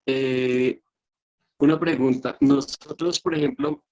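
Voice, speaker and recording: A man's voice: medium pitch, huge pitch swings, takes it slowly, creaky. A man, a student, politely and hesitantly asking a question in an online class while his call audio breaks up, choppy and robotic-sounding. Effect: choppy, robotic-sounding broken-up call audio. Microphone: computer or phone mic on a video call. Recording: dull lo-fi video call audio.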